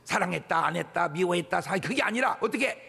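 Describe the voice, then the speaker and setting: A man preaching a sermon in a church, animated and leading the congregation in call-and-response. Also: high-pitched, a little fast, vocal fry, slightly rough, long reverb tail. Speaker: pastor. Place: church sanctuary.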